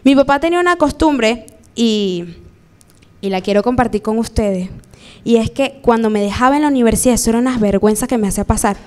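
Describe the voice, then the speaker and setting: A young Venezuelan woman preaching a live sermon in a church, lively and acting out the voices she quotes. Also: on the high side, brisk.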